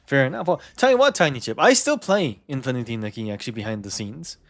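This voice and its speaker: A man's voice: mid-range voice, animated, fairly quick, a bit bright. A young man with a New Zealand accent chatting casually with stream viewers, easygoing, chuckling often and repeating words. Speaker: game streamer.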